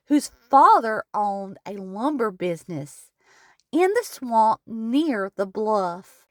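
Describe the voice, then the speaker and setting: This close voice-over comes from a woman reading a scripted narration for a local history travel video at a slow, measured pace. She has a fairly high pitch with a slightly bright tone, recorded dry.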